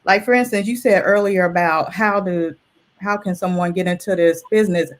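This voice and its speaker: An illustrator and artist over sixty chats casually as an interview guest, earnest and conversational, repeating phrases for emphasis. Her voice is fairly low with a steady tone, and she speaks at a moderate pace.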